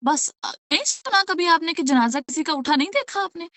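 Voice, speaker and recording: High-voiced woman giving an earnest religious lecture. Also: lively intonation, a bit bright, no room sound. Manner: earnest, asks rhetorical questions, checks with "okay?". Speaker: Quran teacher.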